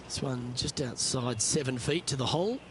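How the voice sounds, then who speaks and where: A man's voice: mid-range voice, moderate pace, background noise, lightly acted. A man playing a golf commentator, calling the play shot by shot in a tournament. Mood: measured commentary. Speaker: golf commentator, lead announcer.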